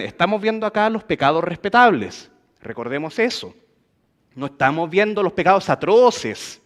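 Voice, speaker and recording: A man's voice: sits high, a bit bright. A man preaching a sermon in a church, asking the congregation questions and acting out quoted gossip.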